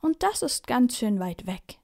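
A woman voicing a gentle, wise little Sandman in a children's story reading, calm and softly amused. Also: very high voice, a little slow, vocal fry, exaggerated voice. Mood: kindly.

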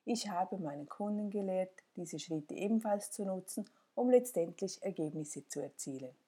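Low, husky woman narrating self-help. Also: animated, moderate pace, mellow.

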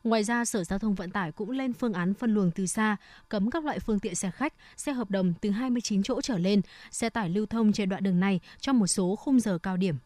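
A woman reading scripted radio news in a formal, measured announcer manner. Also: mid-range voice, darkish tone.

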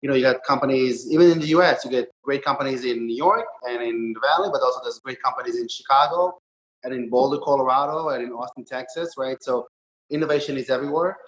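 A man's voice: medium pitch, reverberant, poor audio. A man from Israel in his thirties, a podcast guest talking casually with many ums and uhs. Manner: relaxed, frequent ums and uhs. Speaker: podcast guest, startup investor. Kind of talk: conversational interview.

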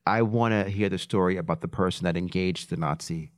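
Deep-voiced man speaking reflectively. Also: brisk, dry recording, clean studio sound. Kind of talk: casual roundtable chat.

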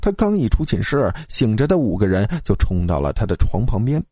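A man narrating a comic ghost story in a lively, animated storytelling manner. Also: on the low side, a little fast, breathy edge, dry recording.

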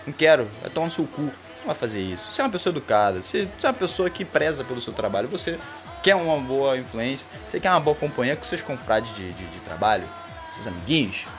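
A man with a Brazilian Portuguese accent hosting a comedy podcast, delivering a profane, animated rant monologue. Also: medium pitch, fast talker, soft background music.

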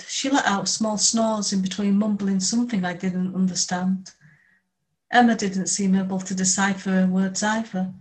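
A woman narrates a first-person audiobook chapter in a steady, measured voice. Her pitch sits at a middling, everyday level for a woman. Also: rough recording.

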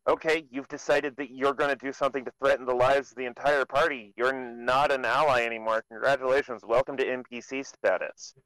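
A man's voice: medium pitch, fairly even intonation, brisk, hardly any pauses, a bit bright, dry recording, poor audio. A man co-hosting a tabletop gaming podcast, talking casually, joking and emphatic. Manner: joking, emphatic, with mock-formal phrasing. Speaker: podcast co-host, dungeon master. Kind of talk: casual chat.

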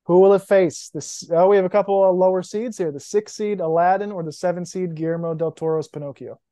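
A man's voice: high-pitched, fairly even intonation, fairly quick, dark tone, no room sound, studio quality. A young man co-hosting a podcast, chatting casually and with feeling about movies. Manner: emotional, enthusiastic about films. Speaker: podcast co-host. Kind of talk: casual chat.

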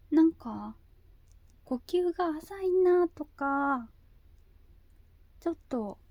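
Woman w high cutesy anime girl voice, super slow n halting casual chat, dry close sound. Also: no echo, lo-fi sound. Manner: hesitant, halting, often repeating herself. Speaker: video host.

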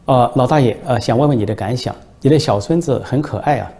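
A man's voice: mid-range voice, quick pace, warm tone, natural voice. A man voicing an eager newspaper reporter in a told joke, fawning and easily surprised.

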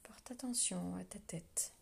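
A woman whispers softly and intimately right into your ear, guiding a relaxation meditation with slow, calming instructions and long pauses. Her voice is lowish, with vocal fry.

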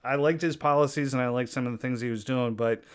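A man's voice: medium pitch, fairly even intonation, quick pace, clean tone. A man, a flight paramedic guest, talking in a rambling casual way with many fillers. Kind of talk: casual chat.

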